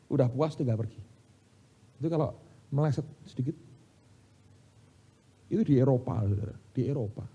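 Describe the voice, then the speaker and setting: A middle-aged man with an Indonesian accent preaching from the pulpit, swinging between loud bursts and quiet asides as he tells stories to his congregation. His voice is dark and a little husky. The recording sounds somewhat dull and lo-fi. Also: mid-range voice, normal speed, pauses often. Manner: animated storytelling, addresses congregation as "saudara". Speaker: pastor. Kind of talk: sermon. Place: church sanctuary.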